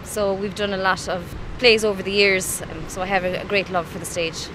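A woman's voice: medium pitch, level tone, fairly quick, noisy background. A woman with a northwest Mayo Irish accent, talking about herself in an interview with a lilting, storyteller-like manner. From northwest County Mayo, Ireland. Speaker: drama group producer and stage performer. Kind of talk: interview talk, personal reminiscence.

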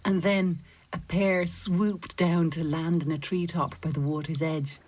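A woman with a low-pitched voice narrates in nature documentary style. Her delivery is measured, like storytelling, with deliberate pauses between phrases. Some ambient noise sits behind her voice. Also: level tone, darkish tone.

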